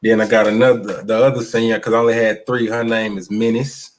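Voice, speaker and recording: A man with an East Texas country twang talks loud and lively in a casual live interview. He is a basketball coach who tells his stories with plenty of energy. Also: fairly low pitch, brisk.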